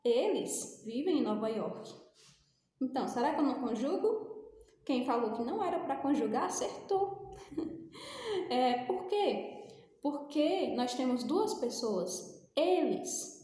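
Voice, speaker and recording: High-pitched and mellow, this Brazilian woman's voice is animated yet slow, with frequent pauses. She teaches English grammar with a Brazilian Portuguese accent in a recorded remote class, patiently explaining each step and checking in with students often. Long reverb fills the echoey room.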